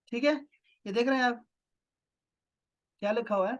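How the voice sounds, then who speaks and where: A man's voice: extremely high pitch, steady tone, fairly bright tone, highs cut off. Male teacher questioning his class. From Pakistan. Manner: questioning, repeats "theek hai" and "na". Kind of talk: online class lecture.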